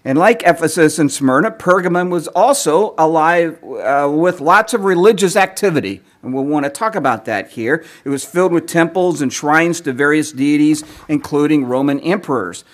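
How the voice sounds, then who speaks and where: A man giving a teaching sermon, lecturing in a measured way, clearing his throat often as he is losing his voice. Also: fairly high pitch, expressive. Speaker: preacher.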